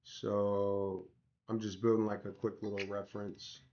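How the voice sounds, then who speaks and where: A man's voice: lowish voice, flat delivery, measured pace, dark tone, lo-fi sound. A man chatting casually and slangily to livestream viewers as he works, his voice not fully back after tonsillitis, with a sore, swollen-throat sound. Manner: slangy, informal, addressing viewers directly. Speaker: livestream host building an app. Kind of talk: casual livestream chat while working.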